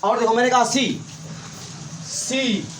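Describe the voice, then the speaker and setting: A man's voice: sits high, expressive, unhurried. A man teaching English grammar to a class, repeating points and quizzing his students. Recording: echoey room, faint hiss.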